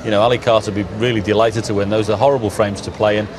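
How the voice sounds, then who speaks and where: A man's voice: fairly low pitch, steady tone, very fast, a crowd in the background. A man giving wry, conversational sports punditry. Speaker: snooker pundit. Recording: clear background venue noise.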